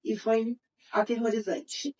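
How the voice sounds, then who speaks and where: A woman guest with a somewhat high voice recounts her own past in an interview. She speaks earnestly, her voice dropping to a hush and then rising again as she tells it. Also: level tone, slow pace, rough recording. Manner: earnest, voice swinging between hushed and raised. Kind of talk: emotional personal testimony.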